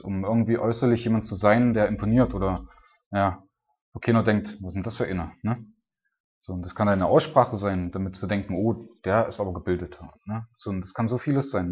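Husky-voiced man preaching casually. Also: on the low side, dull audio. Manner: conversational, frequent tag "ne?" and "so". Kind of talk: casual sermon.

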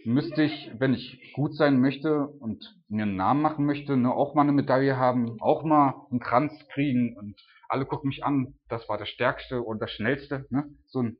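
Male preacher, husky and casual, loose chatty delivery, muffled lo-fi recording. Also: medium pitch, normal speed. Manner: chatty, peppered with tag questions and filler. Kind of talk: casual conversational sermon. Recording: dull lo-fi recording.

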